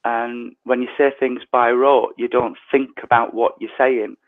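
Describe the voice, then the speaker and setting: A man leading an online prayer service, his voice tinny through an earpiece mic, reading prayers softly and slowly. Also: medium pitch, little pitch movement. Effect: tinny sound from a changed earpiece mic. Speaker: service leader. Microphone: earpiece headset mic. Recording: tinny phone-like online call.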